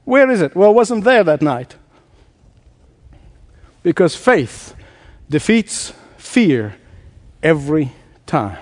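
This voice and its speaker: Excitable preacher man, voice swinging high and low, chuckles a lot, long echo in a big hall. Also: slow pace, long pauses. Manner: animated, laughs often, quotes scripture. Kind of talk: sermon.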